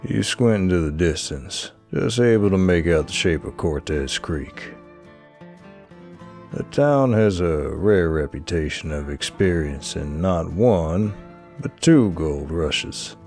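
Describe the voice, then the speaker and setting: A man gives a deep, low voice to this measured, storytelling game narrator. He reads second-person scripted narration with a steady pace. Soft music plays faintly behind him. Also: creaky, heavily acted.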